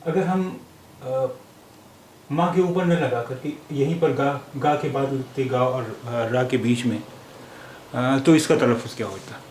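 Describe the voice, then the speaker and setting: Slow, deliberate male language teacher. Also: medium pitch, a little mellow. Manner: many drawn-out fillers, repeats each word several times. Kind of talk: slow explanatory lesson. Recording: echoey room with faint hiss.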